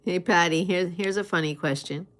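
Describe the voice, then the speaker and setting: A woman chatting casually in an unhurried, conversational way, with pauses as she replies to listeners. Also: lowish voice, fairly bright tone. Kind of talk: casual chat.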